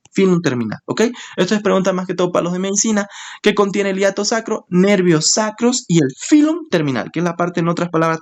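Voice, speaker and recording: A man teaching an anatomy lesson. He explains step by step, repeats key terms for emphasis and keeps checking in with his students. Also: high voice. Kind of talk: screen-share anatomy lesson.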